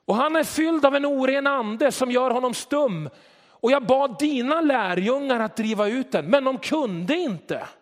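A man's voice: very high voice, animated, pitched above the performer's own voice. A preacher voicing a desperate father who begs for help for his sick son, in a raised, pleading voice. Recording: long hall reverb.

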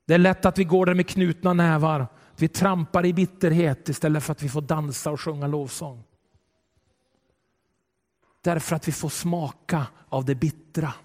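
A male pastor preaching a sermon with dramatic swings between loud and hushed delivery. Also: a little high. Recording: long reverb of a large hall.

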